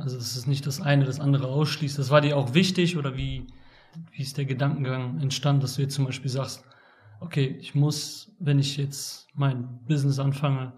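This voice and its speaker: A man hosting a podcast, greeting his guest and asking loose, rambling questions. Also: medium pitch. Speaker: podcast host. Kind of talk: casual interview talk.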